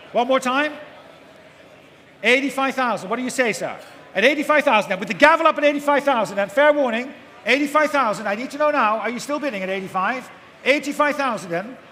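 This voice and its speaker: A man's voice: extremely high pitch, pushed and bright. A man working as an auctioneer, calling bids live in a repetitive chant and prompting bidders for the next figure. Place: large auction hall with live audience. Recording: echoey noisy hall, amplified live event.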